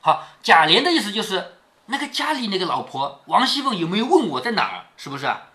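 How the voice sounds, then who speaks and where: A man's voice: sits high, very animated, fast, bright, forceful tone. A man reading a classic novel aloud to his daughter, stopping to explain it in a chatty way and often checking that she follows. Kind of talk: read-aloud storytelling with explanations.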